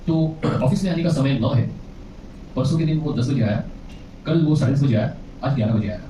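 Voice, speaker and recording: A man's voice: medium pitch, a little fast, distant mic, background noise. A male relationship coach giving a seminar lecture, quizzing the audience and often chuckling. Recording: echoey, muffled hall recording from afar.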